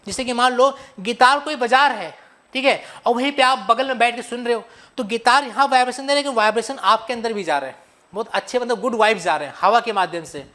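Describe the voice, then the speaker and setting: Fast and forceful, with a very high, bright voice, a young man runs a playful physics revision lecture. The teacher addresses students as buddy and kids, often posing questions he then answers himself.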